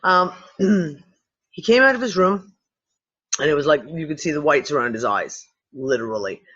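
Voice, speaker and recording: A host chatting casually on a livestream, rambling and swearing as she tells animated stories. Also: low voice, moderate pace, slightly rough, muffled recording. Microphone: computer mic on a video call.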